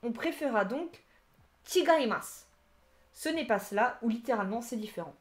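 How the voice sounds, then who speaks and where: Brief: woman, slightly high voice, casual streamer-teacher, talks through asides and restarts. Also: animated, fast talker. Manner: chatty, explains with lots of restarts and asides. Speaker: Japanese language teacher on a live stream. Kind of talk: casual live-streamed lesson.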